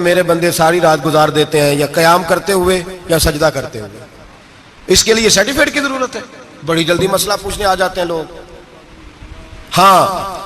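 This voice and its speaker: A man preaching a sermon, animated and firing rhetorical questions at his audience. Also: high-pitched.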